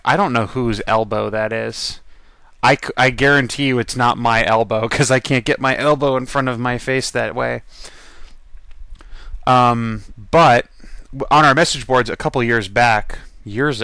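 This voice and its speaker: A man's voice: mid-range voice, fairly even intonation, moderate pace, pushed and bright, no echo. A man casually narrating a slideshow of his convention photos as a voice-over, chatty and rambling, with frequent ums and laughs.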